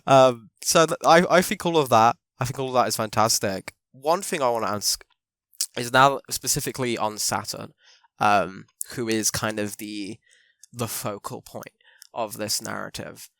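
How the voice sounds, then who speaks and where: A podcast host keeps his interview chatty, laughing often and using lots of filler words. His medium-pitched voice is measured, a bit bright, and has vocal fry, with no room sound at all.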